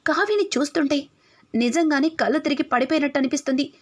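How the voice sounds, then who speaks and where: A fair-minded matron quickly doubts an accusation, voiced by a woman narrator. The voice is high and brisk. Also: close to an everyday voice. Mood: doubtful.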